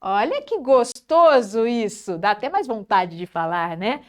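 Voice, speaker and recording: Lady coaching teachers, high voice, acts out phrases all animated. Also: measured pace. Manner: animated, acts out example phrases with swooping emphasis. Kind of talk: motivational talk to camera.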